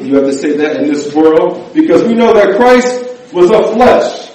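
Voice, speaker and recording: Captured from afar in a reverberant church hall, a man with a high, darkish voice preaches a sermon. He trades jokes with the congregation and often asks "amen?" and "right?" to draw a response.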